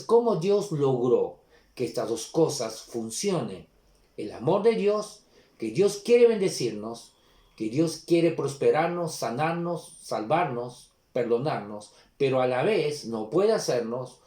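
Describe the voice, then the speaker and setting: Male pastor, warm dark tone, earnest sermon delivery, roomy echo. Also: medium pitch. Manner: earnest preaching, slows to stress scripture readings. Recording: echoey room.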